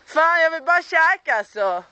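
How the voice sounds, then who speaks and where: A drunk young woman filming her friends outdoors at night, talking excitedly and swearing a lot. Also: extremely high pitch, no echo, muffled recording. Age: young adult. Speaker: person filming. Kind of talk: casual chat among friends.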